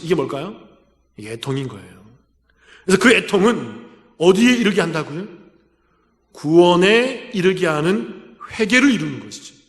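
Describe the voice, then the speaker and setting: A man's voice: sits high, fairly bright tone. A man, a pastor, preaching a sermon, asking the congregation questions and acting out pleading cries. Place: church sanctuary. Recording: echoey church hall with long reverb.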